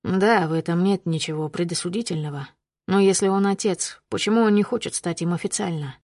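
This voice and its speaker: A woman's voice: fairly low pitch, brisk, a little mellow, no echo, clean studio sound, close to an everyday voice. Stern suspicious man, read by a woman. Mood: cold accusing. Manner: cold, accusing, clipped questions. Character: stern, suspicious adult man driving a car. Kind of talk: audiobook character reading.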